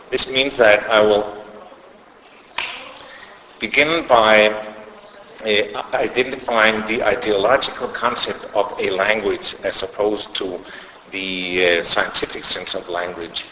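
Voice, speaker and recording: A middle-aged sociolinguist with a Danish accent gives an academic conference talk in a lecture hall, full of hesitations and restarts. His lowish voice is bright and forceful, with slight background noise, an echoey hall, and faint ambience.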